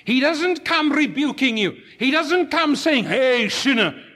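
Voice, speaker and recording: Male preacher, very high bright voice, deliberate unhurried sermon delivery with impassioned climbs. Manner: slow, emphatic preaching with rising impassioned peaks.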